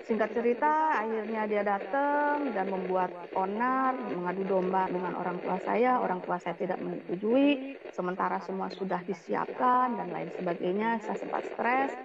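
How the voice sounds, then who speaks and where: A woman's voice: medium pitch, normal speed, vocal fry, lo-fi sound, heavy background noise. A woman giving an emotional personal testimony to a congregation, often turning to address her listeners directly.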